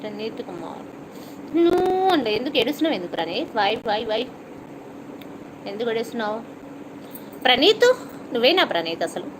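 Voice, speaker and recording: A woman's voice: fairly high pitch, sing-song, brisk, pauses often, background noise. A middle-aged woman with a slight cough, hosting a casual live stream, chatting with and teasing viewers as she reads out their comments. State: has a cough.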